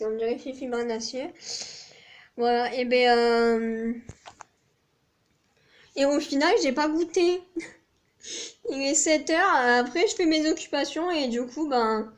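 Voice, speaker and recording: A young woman with a southern French accent talks casually to her camera in a high, light voice. She rambles from one small thing to the next and pokes fun at herself with easy laughs. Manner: chatty, rambling, self-mocking with frequent laughs. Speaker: vlogger. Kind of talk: casual vlog chat.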